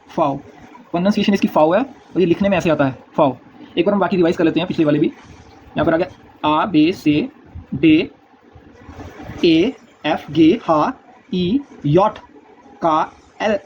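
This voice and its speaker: A man teaches in a casual, patient way, repeating each sound slowly. His voice sits high and mellow. The recording is dull and lo-fi with faint noise behind. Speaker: language teacher. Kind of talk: casual spoken lesson.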